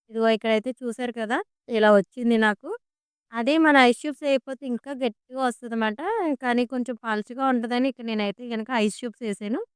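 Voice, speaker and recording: Fast-talking chatty woman vlogger. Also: fairly high pitch, smooth, no echo, studio quality. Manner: chatty, amused storytelling. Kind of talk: casual voice-over vlog. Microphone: close voice-over mic.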